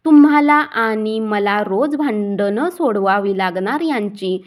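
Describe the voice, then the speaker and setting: A woman voicing a mild older neighbor aunt who chides gently in a storybook reading. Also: medium pitch, animated, slow pace. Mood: chiding.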